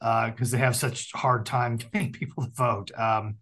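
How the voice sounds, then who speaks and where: Ozark guy from missouri doing a casual interview, mid-pitched voice, keeps restarting his sentences. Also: flat delivery, normal speed, creaky, fairly bright tone. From Southwest Missouri Ozarks, USA.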